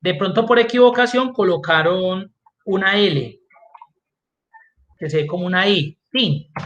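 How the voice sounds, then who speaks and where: A man's voice: sits high, fairly bright tone. A man teaching an online class as an instructor, explaining step by step and answering his own questions. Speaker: Excel instructor.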